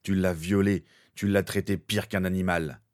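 A man voicing a grim, vengeful soldier in a fan fiction reading, speaking low and threatening. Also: fairly even intonation, moderate pace, natural voice.

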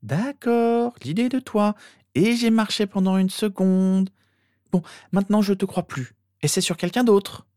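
A man voicing a skeptical, teasing teenage girl with sharp retorts. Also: high-pitched, measured pace, no echo, clean studio sound, pitched above the performer's own voice. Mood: mocking. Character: mocking skeptical teenage girl, Harry's sister.

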